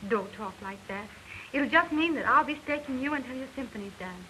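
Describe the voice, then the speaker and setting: A woman's voice: sits high, expressive, a little fast, sharp tone. An actress playing a cheerful, devoted young showgirl wife who reassures her husband, in an early talkie film. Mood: reassuring. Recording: scratchy 1920s film soundtrack.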